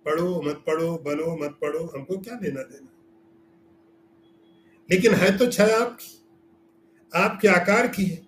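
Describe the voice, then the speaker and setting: A man's voice: fairly high pitch, slow pace, long pauses, echoey room. A man giving a scriptural lecture as a spiritual teacher, explaining with everyday examples and asking rhetorical questions.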